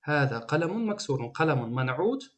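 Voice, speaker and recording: A man's voice: a little high, sing-song, a bit bright. Tajik guy teaching arabic grammar, says every example twice then translates it, patient and explanatory. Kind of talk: recorded grammar lesson.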